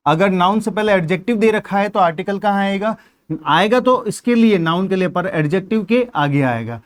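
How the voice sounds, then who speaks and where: With an animated delivery at normal speed, a high-pitched man with a Hindi accent teaches exam-prep grammar. He breaks it down step by step and answers the questions he asks.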